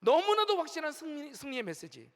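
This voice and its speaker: Emphatic high-voiced male pastor, church echo. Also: wildly swooping pitch, brisk, fairly bright tone. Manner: emphatic preaching, rising and falling, leads the congregation in call-and-response. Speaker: senior pastor. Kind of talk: sermon. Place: large church sanctuary. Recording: long hall reverb from a church sanctuary.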